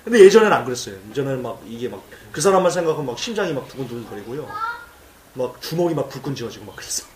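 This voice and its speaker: A male pastor preaching a sermon in church, emphatic and animated, telling stories and acting out cries. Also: mid-range voice, rapid-fire, roomy sound, distant mic, crowd noise.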